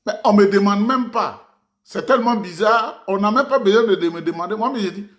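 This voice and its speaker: A man's voice: sits high, fairly quick, fairly bright tone. A man from Ivory Coast, giving impassioned political commentary and addressing his audience formally, repeating phrases for emphasis.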